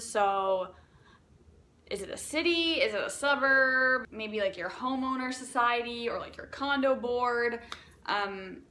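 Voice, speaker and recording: A young woman talks straight to camera in a loose, rambling vlog style, animated and quick to poke fun at herself. Her voice sits a little high and has a bright, forward ring. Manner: rambling, animated, self-deprecating asides. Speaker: vlogger. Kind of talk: casual talk to camera.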